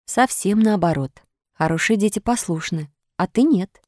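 Gentle fairy, read by a woman. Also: medium pitch, moderate pace, no room sound, clean studio sound, pitched above the performer's own voice, lightly acted. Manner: calm, soft, instructive. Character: kind grown-up fairy woman, gentle and patient.

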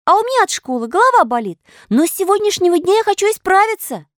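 A woman voicing a mischievous, eager wooden puppet boy in a squeaky, exclamatory child voice. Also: big pitch swings, fast, no echo, clean studio sound. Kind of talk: audiobook character voice.

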